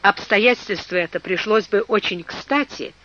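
An audiobook narrator reading a classic adventure novel in measured storytelling narration. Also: medium pitch, bright, forceful tone, muffled recording.

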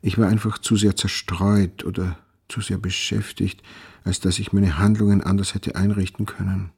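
An actor playing a brooding, anxious male writer in a radio play, speaking quietly and with measured melancholy. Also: deep voice, level tone, gravelly, breathy edge, dry recording, clean studio sound, exaggerated voice. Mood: withdrawn.

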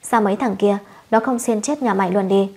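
Woman reader as a shrill, scolding young wife; breathy storyteller voice. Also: brisk, darkish tone. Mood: furious. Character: furious young village wife, sharp-tongued.

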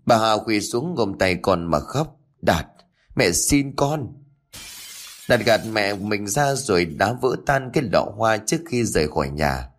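A man narrating a story in a measured, expressive reading. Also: deep voice.

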